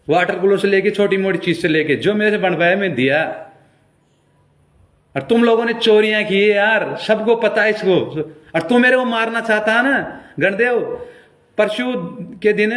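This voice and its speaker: Male folk singer, Rajasthani accent, high-pitched, accusing and confrontational live-stream rant. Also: fairly bright tone. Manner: confrontational, accusing, repeats challenges. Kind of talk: angry live-stream appeal.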